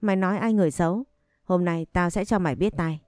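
A woman's voice: fairly low pitch, quick pace, no echo, clean studio sound, lightly acted. A woman voicing a spoiled bullying young man. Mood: angry. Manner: harsh, contemptuous shouting.

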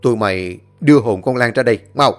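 A man's voice: mid-range voice, fast talker, soft background music, natural voice. Grumpy old ghost-hunter guy, bossy and scolding, normal mid voice, man doing him. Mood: stern. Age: older. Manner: commanding, scolding. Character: stern old male exorcist, gruff former drunkard.

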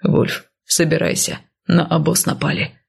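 A woman whispering as a gruff male comrade in whispered role-play. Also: low-pitched, little pitch movement, unhurried, heavily acted.

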